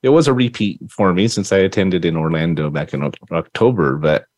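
Low-voiced, effusive male podcast host. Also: brisk, a little mellow, dry recording. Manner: effusive, rambling, lots of restarts. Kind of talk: casual interview.

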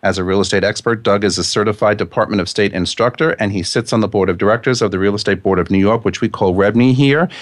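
A man's voice: fairly low pitch, quick pace, hardly any pauses, no room sound, studio quality. A man hosting a radio show, reading from prepared notes with asides and stumbling over the odd word.

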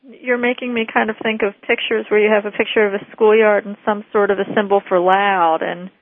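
A woman host keeps the interview moving with short prompts and follow-up questions. Her voice sits at a middle pitch. The line is tinny and phone-like, with a dry sound and no room echo. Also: little pitch movement, a little fast.

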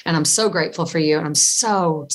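Woman, yoga teacher, lowish voice, effusive, animated, casual interview chat. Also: brisk, slight background noise. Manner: effusive, animated, laughing often.

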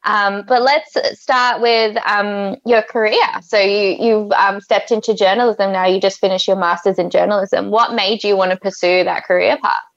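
A woman's voice: mid-range voice, steady tone, moderate pace, few pauses, dry recording. A woman hosting a radio interview in an effusive, conversational way. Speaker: radio show host, interviewer. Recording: slightly dull, band-limited audio.

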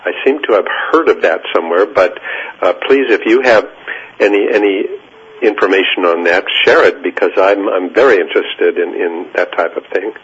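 A male physician speaking as a guest on a radio talk show, halting and full of fillers. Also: low-pitched, a bit bright, breathy edge. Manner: halting, many fillers and restarts. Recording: muffled lo-fi radio line.

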